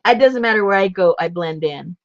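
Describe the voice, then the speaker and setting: On a dull, lo-fi, dry recording, a low-voiced woman from Rhode Island crafts on a livestream. She keeps up casual chatter, frequently laughing and sharing stories.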